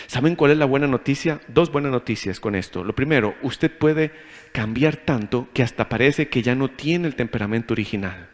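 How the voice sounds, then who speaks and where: A male pastor with a mid-range voice preaches a humorous sermon on marriage, telling stories and acting out both sides of arguments with animated energy. His voice trails off with a long reverb tail.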